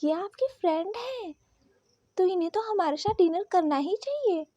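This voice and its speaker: A woman's voice: very high-pitched, animated, moderate pace, warm tone, no room sound, highs cut off. A woman voicing a sweet, sulky young man who whines and pouts, in a read-aloud fan story. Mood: pouting. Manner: whiny, pouting, sulky. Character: pouting sweet young male omega, childlike.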